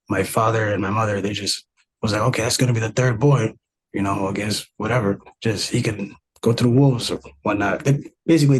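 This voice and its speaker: A man in his thirties from South Sudan, a podcast guest telling his story in a relaxed, casual way with many fillers and restarts. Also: lowish voice, rough recording. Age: 30s.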